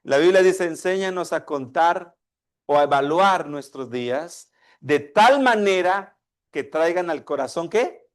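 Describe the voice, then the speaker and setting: Man, pastor, sermon, questions the congregation, slightly high voice. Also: animated, measured pace. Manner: asks the congregation questions, acts out a father and child dialogue.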